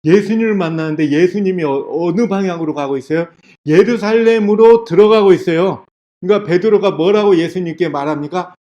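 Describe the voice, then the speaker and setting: A man's voice: high voice, a little fast, warm tone. An older man, a church elder, giving a sermon lecture. He retells a film story, keeps asking the audience questions and acts out the voices in it.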